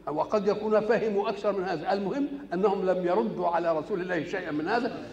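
A man with an Egyptian accent giving a Quran commentary lesson. He recites verses slowly and keeps asking rhetorical questions, then answers them himself. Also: sits high, darkish tone, in a large hall, muffled recording. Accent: Egyptian Arabic.

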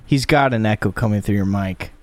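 A man's voice: on the low side, darkish tone, dry recording. A man hosting a podcast, chatting casually over a voice call, joking and laughing often. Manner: joking, quick reactions, laughs. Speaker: podcast host. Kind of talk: casual chat. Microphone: mic on a voice call.

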